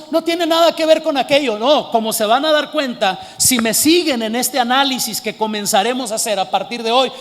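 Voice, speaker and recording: Pastor guy preaching, pretty high voice, big echoey hall, gets loud and slow on the key words. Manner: preaching, rising to emphatic shouts and slowing for stress. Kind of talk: sermon.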